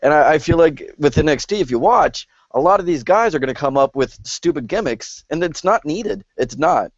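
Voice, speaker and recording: A man's voice: a little high, lively intonation, normal speed, dry recording. Young male podcast co-host, opinionated, teasing, dry lo-fi home recording. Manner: opinionated, teasing, trash-talking. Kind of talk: casual podcast banter.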